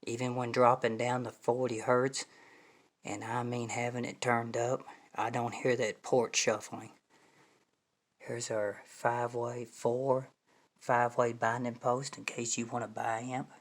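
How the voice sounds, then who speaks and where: This American reviewer of home audio gear talks a little slowly, his medium-pitched voice staying level. He chats with viewers in a relaxed, homespun way, going back over points for emphasis, recorded from afar in a room with noticeable echo.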